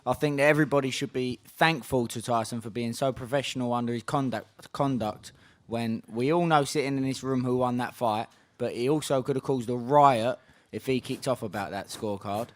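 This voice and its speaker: A man's voice: medium pitch, brisk. A man making a statement at a press conference, assertive and firm.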